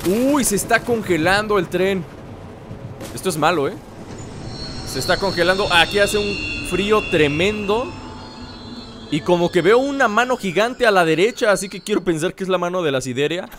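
A man's voice: sits high, expressive, normal speed, noisy background. A man giving let's-play commentary, playfully teasing enemies with mock insults. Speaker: gameplay commentator. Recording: loud game music behind the voice. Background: game music and sounds.

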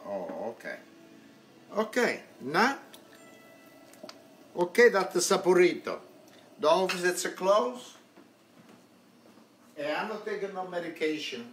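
A man's voice: high voice, sing-song, takes it slowly, long pauses, fairly bright tone, a little hiss or hum. A man in his eighties with an Italian accent, chatting in broken English while cooking live in his home kitchen, filmed on a handheld phone. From Italy. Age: 80s. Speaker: home cook host. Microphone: handheld phone camera. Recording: echoey kitchen with faint music.

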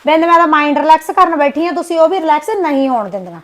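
Acting a young village wife in a short film, a Punjabi-accented woman complains sulkily and fires back quick retorts. Her voice is high-pitched and expressive.

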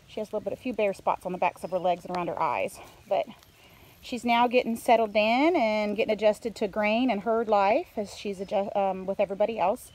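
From behind her handheld phone, a middle-aged woman gives a casual farm update, talking fairly quickly in a medium-pitched, darkish voice. She rambles on while showing around the coops and pens. It's a noisy outdoor recording with farm ambience and animals.

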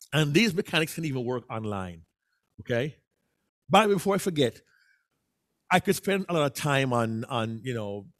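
Man, workshop presenter, very expressive pitch, teaching delivery. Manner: animated, acts out voices. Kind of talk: public speaking workshop talk.

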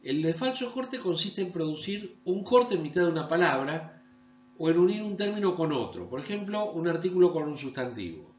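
A man from Argentina, giving a recorded online university lecture and often checking understanding with a quick "¿sí?". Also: lively intonation. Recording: echoey room, dull low-fi sound with mains hum.

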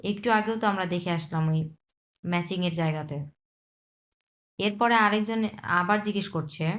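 A woman teaching a beginner Chinese class, patiently repeating and breaking down each word, mixing in English terms. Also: medium pitch. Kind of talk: explaining Chinese vocabulary in Bangla.

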